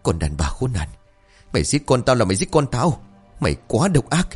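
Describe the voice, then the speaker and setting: A man's voice: medium pitch, expressive, a little fast, breathy edge, faint music behind, voice pushed up. A man voicing an enraged, violent young husband with a raised, harsh delivery, in an audio story. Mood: furious. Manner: shouting accusations, raised and harsh.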